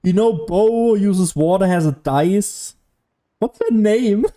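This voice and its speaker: Here a young streamer talks through his gameplay in a loose, rambling way, full of swearing and self-deprecating jokes. He speaks slowly in a warm, fairly high voice, with faint game music in the background.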